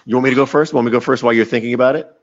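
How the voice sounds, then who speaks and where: A man's voice: mid-range voice, racing, highs cut off. A man hosting a podcast who chats casually, joking and pressing his co-host with questions. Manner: animated, joking, pushy with questions. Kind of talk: casual chat.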